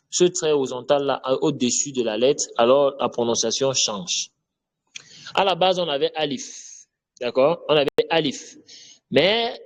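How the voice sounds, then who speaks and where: A man teaching an online Arabic lesson, patiently repeating letter sounds and checking that students follow. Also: medium pitch.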